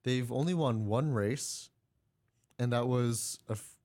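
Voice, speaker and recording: A man's voice: medium pitch, takes it slowly, a little mellow. A man co-hosting a casual sports podcast, joking and laughing as he rambles. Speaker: podcast co-host. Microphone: studio mic.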